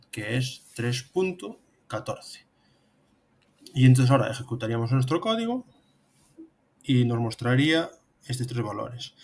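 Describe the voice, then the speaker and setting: A gravelly, mid-range male voice belongs to a programming instructor in his thirties from Spain, speaking with a Spanish accent. He offers step-by-step narration over a screen demo.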